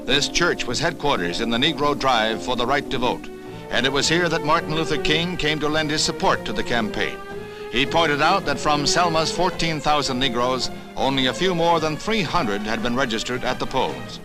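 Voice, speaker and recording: An old newsreel voice-over from a male narrator, formal and measured in the classic announcer manner. His voice sits at an ordinary middle pitch for a man. A music score plays clearly beneath him. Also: rough recording. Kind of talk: scripted 1960s newsreel narration. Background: music score under the narration.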